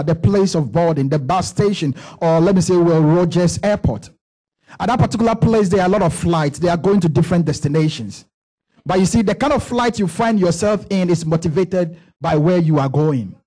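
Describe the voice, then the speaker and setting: Holding a handheld microphone, a thirty-something pastor preaches from a church stage with a high voice, his delivery climbing to shouts through rhythmic repetition.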